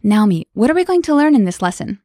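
A woman co-hosting a scripted language lesson podcast, explaining clearly and brightly. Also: mid-range voice, big pitch swings, quick pace, no echo, clean studio sound.

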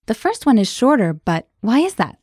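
A woman co-hosting a scripted language lesson podcast, explaining clearly and brightly. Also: a little high, big pitch swings, normal speed, no echo, studio quality.

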